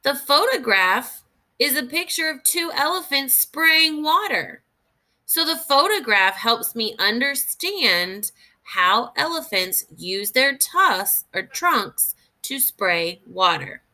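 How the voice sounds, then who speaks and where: A high-pitched female teacher delivers an expressive, careful reading of a children's nonfiction book. She halts at points to think aloud for the young learners.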